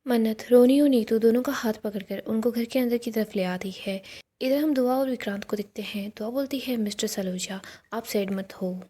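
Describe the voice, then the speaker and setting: A woman narrating a recap of a television serial in a steady storytelling voice that sometimes drops to a near whisper. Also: fairly high pitch, a little fast, slightly rough.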